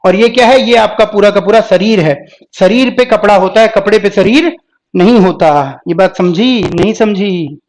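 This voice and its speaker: High-voiced man teaching a live class. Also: moderate pace, darkish tone. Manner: explains step by step, keeps asking the class questions. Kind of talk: live exam-prep lecture.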